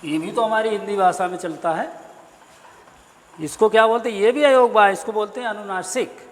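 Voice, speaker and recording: A male Hindi teacher giving a slow, deliberate grammar lesson, spelling sounds out one at a time. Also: sits high, fairly bright tone, in a large hall. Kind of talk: classroom-style explanatory lesson.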